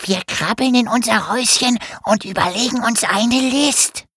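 A man's voice: very high voice, moderate pace, pushed and bright, slightly rough, no room sound, clean studio sound, voice pushed up, full character voice. A man voicing a clever, friendly little duck girl in a children's audio story. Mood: scheming.

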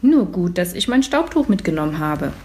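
A woman's voice: fairly low pitch, big pitch swings, darkish tone. A woman reading aloud, voicing a cheerful, bossy, tidy little girl in a children's story. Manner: brisk and commanding.

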